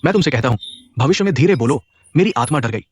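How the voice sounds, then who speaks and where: An actor dubbing an excitable young male graduate in a TV drama, teasing and jumpy in manner. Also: mid-range voice, fast talker, slightly rough. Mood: jittery. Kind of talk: Hindi dub of a TV drama.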